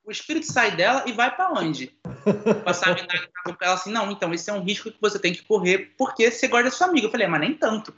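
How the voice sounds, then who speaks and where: A man races through a wild anecdote with a bright, forceful edge, swearing freely and acting out the voices of everyone involved. His voice sits in a roomy space and sounds a little dull, with faint noise underneath. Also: high-pitched. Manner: fast, excitable, swears, acts out quoted voices. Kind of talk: animated anecdote telling.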